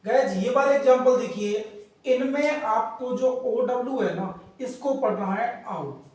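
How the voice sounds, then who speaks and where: A man's voice: very high-pitched, darkish tone. A man teaching English pronunciation to learners, drawing out each example word and asking them questions. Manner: slow, drawn-out example words, asks learners questions. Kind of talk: classroom lesson. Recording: very echoey room, voice from far off.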